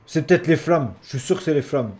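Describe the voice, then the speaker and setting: Raging male gamer, high animated voice. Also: fairly quick. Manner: raging gamer, swearing and exasperated. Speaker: gaming video host. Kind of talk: heated gameplay commentary, casual slang.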